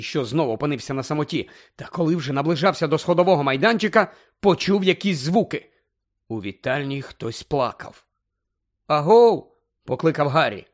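A man narrating a fantasy audiobook in an expressive, dramatic reading style. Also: a little high. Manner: dramatic, shifting tone with the story.

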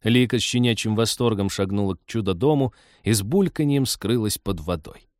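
Brief: deep male reader, dry studio sound, wry story narration. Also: normal speed, darkish tone, no room sound. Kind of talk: audiobook narration.

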